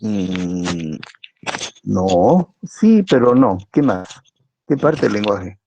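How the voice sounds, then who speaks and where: A man's voice: fairly low pitch, big pitch swings, very slow, background noise. A man giving a university lecture in a chatty way, often ending sentences with a question. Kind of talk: online class lecture. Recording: dull lo-fi recording.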